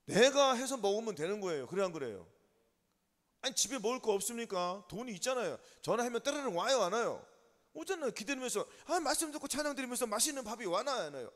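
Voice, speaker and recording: High-voiced man preaching in a reverberant hall. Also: very animated, quick pace, a bit bright. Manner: call-and-response questions to the congregation. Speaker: pastor. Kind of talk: sermon. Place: church sanctuary.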